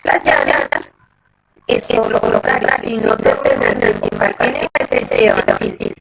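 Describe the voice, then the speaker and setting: A teacher giving a live online class, checking in constantly with short questions and pausing on fillers. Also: mid-range voice, wildly swooping pitch, gravelly, background noise.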